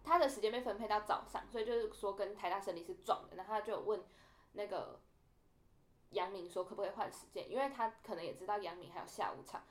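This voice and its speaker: A woman's voice: mid-range voice, fast talker. A young woman telling a story in a casual podcast chat, animatedly acting out the quoted dialogue. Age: young adult. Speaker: podcast co-host.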